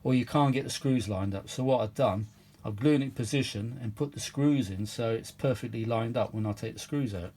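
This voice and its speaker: A vintage audio repair hobbyist who hosts videos talks at his workbench into a propped or handheld phone. His voice is medium-pitched, mellow and fairly quick, and his hands-on commentary rambles casually, matey and packed with tag questions.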